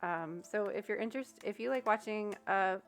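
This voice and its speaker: Faint music plays behind this young woman as she gives tarot readings on a livestream, chatting loosely with viewers and filling her thoughts with ums and likes. She speaks in a mid-range voice at a moderate pace.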